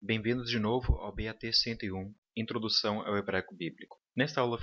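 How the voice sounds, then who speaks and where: A man with a lowish, pushed, bright voice teaches a recorded online lecture, explaining step by step. He is patient and checks in often with his students, asking "tá bom?" The audio is dull and lo-fi.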